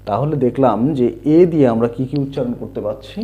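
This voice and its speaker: A man teaching English letter sounds, spelling words out and repeating the sounds slowly. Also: medium pitch, warm tone. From India. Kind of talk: slow explanatory lesson. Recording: dull lo-fi home recording.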